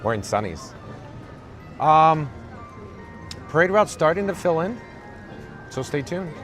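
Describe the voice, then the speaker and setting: A raspy man streams live outdoors along a parade route, speaking slowly at a somewhat high pitch. He reads chat messages aloud with dry, self-mocking monotony, recording through the camera rig in his hands while an outdoor crowd and music play behind.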